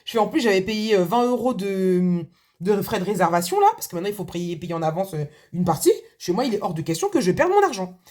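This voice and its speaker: A chatty woman talks straight to camera from her desk at home, rambling through a story in a casual register. She fills the gaps with little hesitations, doubles back on herself and keeps throwing in asides to her viewers. Her voice sits at a middling pitch. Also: big pitch swings, quick pace, darkish tone. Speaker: budgeting vlogger.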